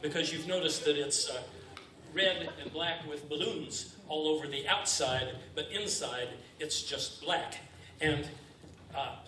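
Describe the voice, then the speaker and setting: On stage before a live audience, a man performs comedy juggling and magic with the playful, feignedly befuddled patter of a kids party magician. His voice is a little high with a sharp tone. The recording is noisy and echoey, captured from far off.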